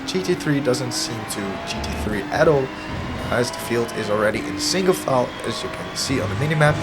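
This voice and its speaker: Narrating his own sim racing footage, this video host sounds hoarse, as if he's losing his voice, and picks apart his driving with self-mocking analysis. His mid-range voice carries the gameplay commentary over background music.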